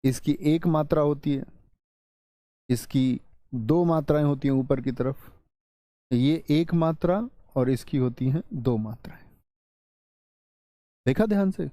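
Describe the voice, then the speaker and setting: A male Hindi teacher with a high, mellow voice runs an exam-prep class. He drills vowel sounds aloud, repeats them several times, and keeps quizzing his students. The sound is dry and close, with no room echo. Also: takes it slowly, long pauses.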